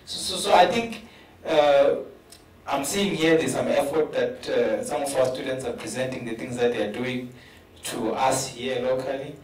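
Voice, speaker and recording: A man's voice: medium pitch, moderate pace, a little hiss or hum. A man with a South African English accent speaking earnestly on a conference panel, often repeating words as he builds a point. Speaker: panelist, professor. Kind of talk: panel discussion. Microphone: handheld mic. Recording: roomy hall from a distance.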